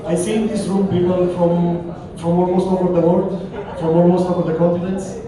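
A man with a Romanian accent delivers a formal thank-you speech very slowly and haltingly. His high voice stays quite even. It is picked up from far off in a very echoey hall. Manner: halting, deliberate, repeats phrases. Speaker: visiting team coach. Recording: distant echoey hall, audible crowd.

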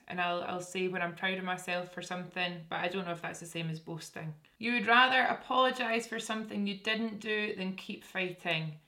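This beauty YouTuber from Scotland is a young adult woman whose broad accent carries a sharp tone at mid-range pitch. She talks informally and openly in a laid-back makeup vlog, recorded in a small indoor room with a curtain behind her.

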